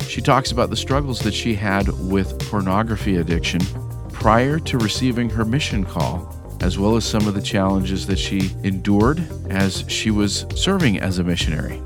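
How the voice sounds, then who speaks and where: A man hosting a podcast, reading a scripted introduction and then asking questions in an earnest, measured way with small restarts. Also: fairly low pitch, expressive, music in the background. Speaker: podcast host.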